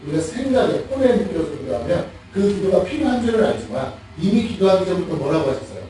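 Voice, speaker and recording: A man's voice: sits high, fast talker. A man preaching a sermon as pastor, asking the congregation questions and laughing as he acts things out. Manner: animated, asks the congregation questions, laughs while mimicking. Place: church sanctuary. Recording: echoey church hall, mic far off.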